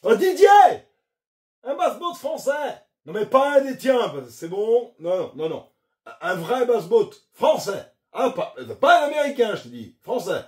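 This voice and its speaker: A man voicing an excitable, chatty male boat dealer in a comic sketch, high-pitched and exclamatory. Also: normal speed, roomy sound. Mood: excited.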